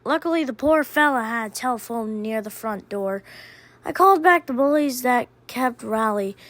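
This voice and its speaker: A woman telling a first-person diary story in a deadpan, unhurried way. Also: a little high, no echo.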